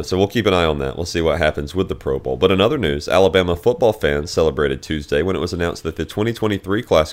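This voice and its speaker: A man co-hosting a sports podcast in easygoing, teasing banter, heard through poor-quality audio recorded while away on vacation. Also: deep voice. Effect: poor-quality audio recorded away from his usual setup. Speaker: podcast co-host. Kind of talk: casual sports talk. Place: vacation spot, not his usual recording place.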